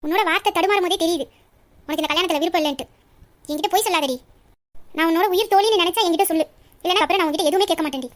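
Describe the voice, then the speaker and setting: A woman's voice: very high-pitched, rapid-fire, long pauses. A woman voicing a young woman who keeps pressing her best friend with insistent questions. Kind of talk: audio story reading.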